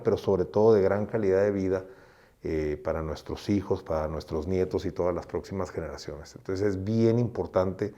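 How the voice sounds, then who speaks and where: A middle-aged Mexican man with a low, mellow voice appears as a guest doctor in an interview. He speaks earnestly and without hurry, frequently repeating words as he restarts phrases.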